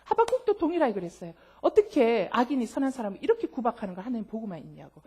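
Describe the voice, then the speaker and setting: A woman pastor preaching a sermon in an animated way, acting out quoted voices and often laughing. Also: on the high side, very fast, slightly rough.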